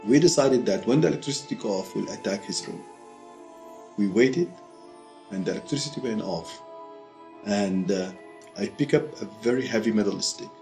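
A middle-aged Sudanese man gives personal testimony to camera in a quiet furnished room with a fireplace and bookshelves, music playing behind him. His low, gravelly voice has a dark tone yet lively intonation, and he speaks deliberately in short phrases broken by pauses.

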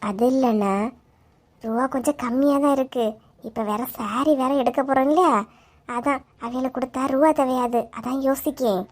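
A woman voicing quarrelsome village women in an animated comedy, speaking with a Kanyakumari Tamil accent in an indignant, bickering manner. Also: high voice, moderate pace. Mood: defensive.

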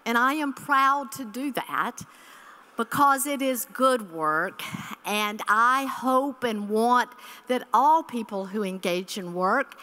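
A woman's voice: fairly high pitch, slow pace, bright, forceful tone. A woman in her sixties giving an earnest keynote address at a church conference, speaking from a podium microphone on a hall stage and repeating key phrases.

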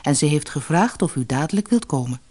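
A woman's voice: low voice, expressive, brisk, darkish tone, breathy edge. A woman voicing a brusque, impatient stranger dressed in grey, from a storybook recording. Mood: insistent. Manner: impatient, insistent.

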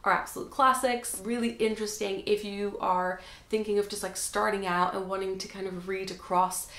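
A woman's voice: mid-range voice, steady tone, moderate pace, fairly bright tone. Young woman, chatty book vlog, home room, some room echo. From the Netherlands. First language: Dutch. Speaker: book vlogger. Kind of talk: casual chat to camera. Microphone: camera framing, head and shoulders.

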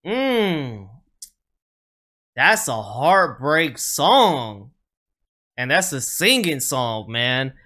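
A man hosting a music reaction, speaking excitedly and emotionally and ending almost every phrase with "man.". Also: mid-range voice, very slow, pauses often. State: emotional, moved. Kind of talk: casual reaction commentary.

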